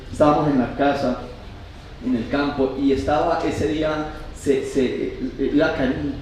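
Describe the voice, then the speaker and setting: A man's voice: on the high side, a little mellow, a little hiss or hum. A man, a pastor preaching a sermon and asking his congregation questions as his voice rises for emphasis. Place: church hall. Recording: echoey hall, voice from far off.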